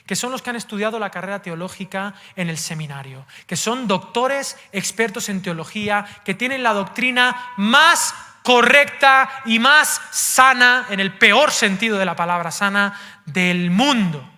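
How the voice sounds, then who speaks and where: A male pastor with a Spain Spanish accent delivers a sermon in a very high voice. He speaks playfully and directly to his congregation, swinging between loud emphasis and hushed asides. His tone is strikingly bright and sharp. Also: unhurried.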